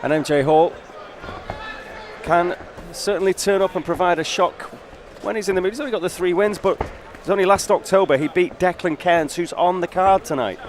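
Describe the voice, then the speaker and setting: A man's voice: sits high, normal speed. A man giving live boxing commentary as the lead commentator at ringside. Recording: clear venue noise behind commentary.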